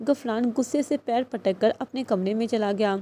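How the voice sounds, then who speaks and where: A woman narrating a novel as an audiobook reader in a steady storytelling manner. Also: a little high, a little hiss or hum.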